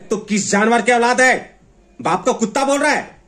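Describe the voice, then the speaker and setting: A man with a Bundeli accent playing a hot-tempered village father who shouts and scolds his son in a comedy sketch. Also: very high voice, lively intonation, moderate pace. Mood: scolding.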